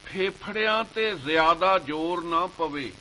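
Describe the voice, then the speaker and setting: A man giving a slow devotional sermon, reciting scripture verses in a measured chanting cadence. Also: fairly high pitch, bright, forceful tone, a little hiss or hum, low-quality recording. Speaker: Sikh preacher.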